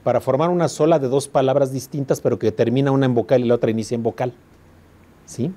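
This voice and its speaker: Speaking fast in a warm, steady, mid-range voice, a Mexican-accented man lectures his law school class. He explains things patiently and peppers the students with questions to make sure they understand.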